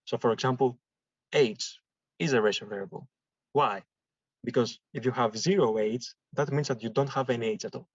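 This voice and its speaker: A man's voice: mid-range voice, no room sound. A man from Greece, giving a classroom statistics lecture and explaining step by step with examples. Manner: explains slowly with examples and repetition. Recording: dull dry lecture recording.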